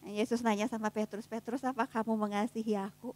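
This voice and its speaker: High-voiced woman preaching casual youth sermon. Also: little pitch movement, quick pace. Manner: casual slangy preaching, swings between soft and fervent. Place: church youth service.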